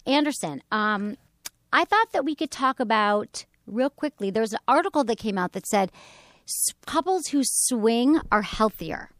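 A woman hosting a podcast in a radio studio, talking fast and with lots of energy in casual chat. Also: on the high side, lively intonation, fairly bright tone, no echo. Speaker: podcast host. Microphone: studio microphone.

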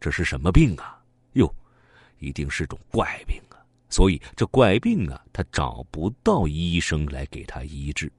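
A man with a deep voice tells a children's story, swinging his pitch widely in a sing-song way. He stretches his phrases out, and the sound is close and dry. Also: slightly rough, no room sound. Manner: animated, sing-song with drawn-out particles.

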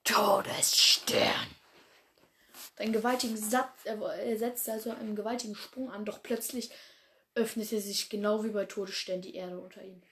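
A woman's voice: medium pitch, fairly even intonation, fairly quick, slight background noise. A woman reading her own animal fan story aloud, often stumbling and correcting herself, with casual slangy asides. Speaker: story reader.

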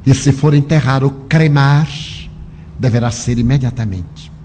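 A man's voice: medium pitch, measured pace, warm tone, a little hiss or hum, lightly acted. A man voicing a blunt hospital doctor delivering grave news in a matter-of-fact way.

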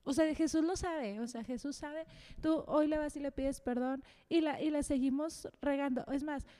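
A woman's voice: high-pitched, steady tone, normal speed, dark tone. A married woman, chatting casually about faith with many fillers and frequent laughs. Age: adult, married. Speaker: co-host.

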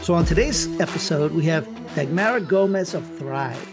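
A man's voice: on the high side, animated, moderate pace, loud music behind the voice. A man hosting a business podcast, upbeat and encouraging as he introduces the show and his guest. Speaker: podcast host. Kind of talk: scripted show intro and interview.

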